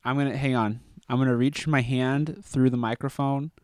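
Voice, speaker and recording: A man co-hosting a casual comedy podcast, joking around and laughing often, sometimes reading aloud slowly with heavy pauses. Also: medium pitch, fairly even intonation, darkish tone, no echo, clean studio sound. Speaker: podcast co-host.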